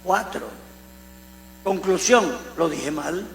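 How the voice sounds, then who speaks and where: A man from Colombia, preaching a conversational sermon with animated storytelling and humorous asides. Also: sits high, takes it slowly, vocal fry. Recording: echoey hall with mains hum.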